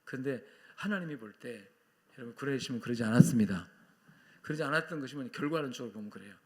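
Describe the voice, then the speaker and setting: A man's voice: medium pitch, animated, fast, a little mellow. A male pastor preaching a Sunday sermon with strong emphasis, acting out quoted voices and asking the congregation to repeat after him.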